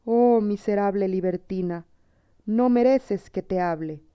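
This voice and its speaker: A woman's voice: mid-range voice, unhurried, clear, resonant tone, no room sound, natural voice. A shrewd, commanding king from an old storybook, grave and stern in manner, read by a woman. The sound is dull and lo-fi, with a dry, close feel. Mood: scolding.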